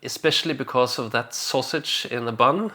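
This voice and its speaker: A young man, from Denmark, talking casually in a relaxed and hesitant way, with frequent fillers and restarts. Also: medium pitch, moderate pace. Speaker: vlogger. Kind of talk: casual conversational vlog chat.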